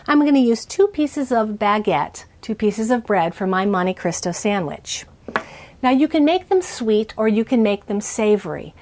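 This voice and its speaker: A woman's voice: fairly high pitch, a little mellow. A woman in her forties hosting a cooking show from a small RV kitchen, chatty and upbeat as she walks through each step. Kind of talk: cooking demonstration.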